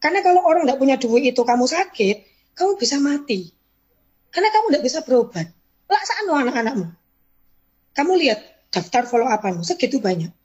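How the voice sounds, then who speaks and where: A woman's voice: sits high, very animated, racing, hardly any pauses, a bit bright, dull audio. A woman voicing a blunt male sales leader who scolds harshly. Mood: lecturing. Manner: harsh, mocking, lecturing.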